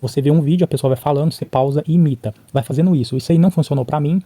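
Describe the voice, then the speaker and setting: A man's voice: on the high side, racing, mellow, no room sound. A Brazilian man talking casually to camera, sharing his own story and checking in with the viewer often. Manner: chatty, frequent "tá?" and "né?" check-ins; replays conversations by imitating both sides. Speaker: vlogger. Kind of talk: casual talk to camera about learning English.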